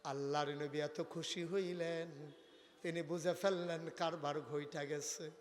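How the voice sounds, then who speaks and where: High, bright-voiced preacher in long reverb. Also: male voice, flat delivery, a little slow. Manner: storytelling preacher, hushed retelling rising to shouted crowd appeals. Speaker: Islamic preacher. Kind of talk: sermon. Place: open-air religious gathering.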